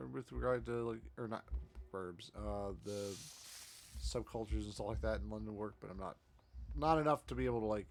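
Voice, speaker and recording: A man's voice: medium pitch, gravelly. A man streaming a video game, chatting casually and rambling to himself as he plays. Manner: rambling, self-talking, chatty with fillers. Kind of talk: casual gameplay commentary.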